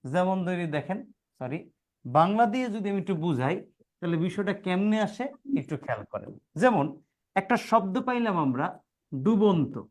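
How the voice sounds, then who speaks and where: A man's voice: sits high, big pitch swings, normal speed. A male grammar teacher giving a classroom lesson. He keeps asking rhetorical questions, calls his students "brother" and sounds words out syllable by syllable.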